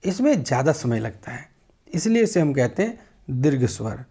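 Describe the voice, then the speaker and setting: A man's voice: mid-range voice, big pitch swings, moderate pace, dark tone, slightly rough. A male teacher giving a Hindi grammar lesson, explaining step by step and asking the class questions.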